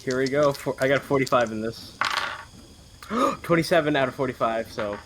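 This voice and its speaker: A man's voice: medium pitch, fast talker, noisy background. A man playing in a tabletop game, chatting casually and cracking jokes. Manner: joking, playful. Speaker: player. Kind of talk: casual banter at the gaming table.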